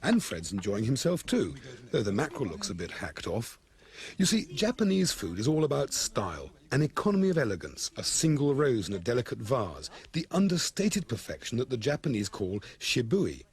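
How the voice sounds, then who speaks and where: A man giving a wry, expressive scripted narration. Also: mid-range voice, moderate pace.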